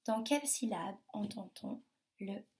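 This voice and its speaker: This woman's mid-range, darkish voice carries some vocal fry as she teaches phonics to young children. She sounds words out slowly, stressing each syllable with exaggerated articulation.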